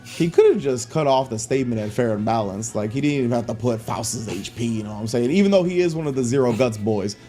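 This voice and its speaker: Fast-talking, mellow male esports analyst. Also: medium pitch, expressive, faint music behind. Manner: analytical, rapid-fire breakdowns. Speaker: esports co-commentator. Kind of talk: tournament commentary.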